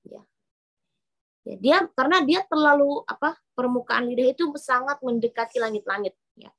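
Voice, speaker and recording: Speaking at normal speed in a high, fairly bright voice, a female Quran recitation teacher demonstrates how Arabic letters should sound. She goes over every point more than once with patient explanation.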